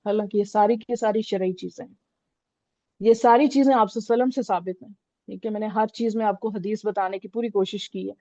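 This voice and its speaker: A woman's voice: on the high side, mellow, no room sound, dull audio. A woman teaching a religious lesson in a conversational way, often checking in with her listeners. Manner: conversational, repeats "theek hai" often. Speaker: Islamic teacher.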